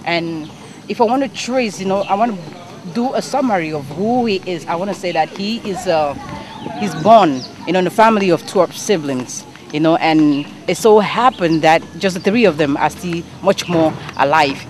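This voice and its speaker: A Cameroonian woman hosting an interview, talking in an animated way with lots of "you know". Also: fairly low pitch, a little slow. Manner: animated, switching between English and French, many "you know" fillers. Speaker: show host. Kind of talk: interview introduction and conversation. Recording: clear outdoor background noise.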